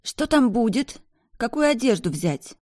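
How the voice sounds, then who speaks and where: A woman's voice: fairly high pitch, very animated, unhurried, a little mellow, no room sound, studio quality, pitched above the performer's own voice. A reader voicing a petulant young woman who argues and pleads with her former lover in an audiobook. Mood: calm. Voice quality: pleading, whiny. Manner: indignant, demanding. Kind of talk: audiobook dialogue.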